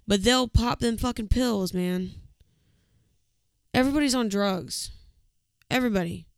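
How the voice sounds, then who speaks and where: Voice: mid-range voice, a little slow, vocal fry, smooth, no room sound, studio quality. A podcast co-host telling a story in casual chat, blunt and swearing freely.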